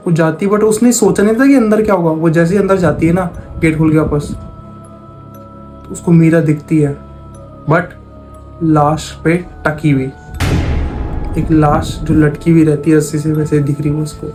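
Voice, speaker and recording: A man's voice: a little high, fairly even intonation, normal speed, long pauses, darkish tone, faint music behind. A man telling a spooky story in a casual, conversational way, repeating phrases as he goes. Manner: retells dialogue in plain conversational voice, repeats phrases. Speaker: horror storyteller.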